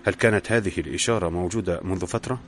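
A man reading the lines of a calm young unemployed engineer who talks with dry humor in a storybook reading. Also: deep voice, rapid-fire, soft background music, natural voice.

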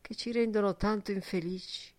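A woman voicing a reserved young male teacher who gives quiet, dry replies in an audiobook. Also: mid-range voice, steady tone, normal speed, no echo, pitched above the performer's own voice, natural voice. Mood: wry.

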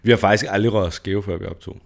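A man's voice: on the low side, steady tone, gravelly. A man co-hosting a podcast from his living room, chatting casually with dry, teasing replies. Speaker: podcast co-host. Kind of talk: casual chat.

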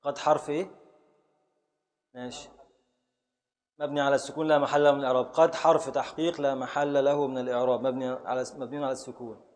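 A man's voice: medium pitch, level tone, quick pace, pauses often, darkish tone, long reverb tail. A man teaching a class in Egyptian Arabic, patiently repeating and scanning words aloud and calling on his students. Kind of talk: classroom lesson on Arabic prosody and grammar.

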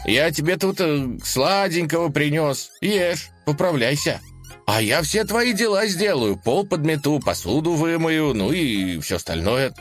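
A man's voice: fairly high pitch, lively intonation, measured pace, faint music behind, pitched above the performer's own voice. A man voicing a sporty, good-natured young animal who is a big brother, talking in a cheerful, easygoing way. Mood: caring.

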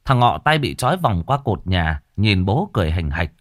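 Low-voiced ghost storyteller. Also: male voice, moderate pace, no echo, clean studio sound. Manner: dramatic, lively storytelling.

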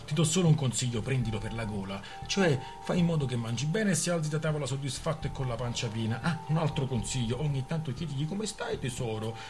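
A man's voice: medium pitch, animated, fast talker, hardly any pauses, lightly acted. A man voicing a shrewd father handing out wry, cynical advice, with music behind him.

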